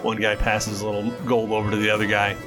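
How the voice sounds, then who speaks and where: A man's voice: lowish voice, completely flat delivery, quick pace. A man running a tabletop game as game master, narrating casually. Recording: music behind the voice.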